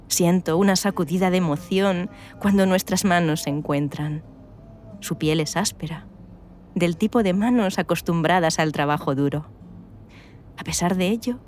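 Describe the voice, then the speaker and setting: Castilian spanish actress as lovestruck woman telling an erotic story, lowish voice, intimate, noisy background. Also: darkish tone, lightly acted. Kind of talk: first-person erotic audio drama narration. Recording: noticeable background noise.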